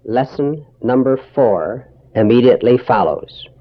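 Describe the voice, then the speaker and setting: A man delivers a Bible lesson in a slow, deliberate teaching manner. His voice sits fairly high and moves a lot in pitch. It comes through a dull, muffled old tape recording. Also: expressive.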